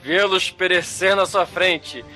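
A man voicing a brutish, boastful barbarian warrior, declaiming gruffly. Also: sits high, takes it slowly, sharp tone, soft background music, full character voice. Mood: menacing, boastful. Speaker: podcast co-host.

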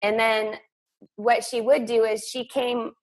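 A woman's voice: on the high side, little pitch movement, unhurried. A middle-aged woman, a guest in a casual conversation, telling an everyday story in a chatty way.

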